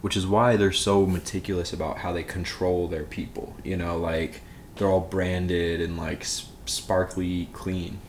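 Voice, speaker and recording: A man's voice: low-pitched, little pitch movement, a little slow, a little hiss or hum. Rambling young man in his twenties. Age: 20s. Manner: rambling, lots of filler "like". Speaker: podcast co-host. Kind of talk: casual film chat.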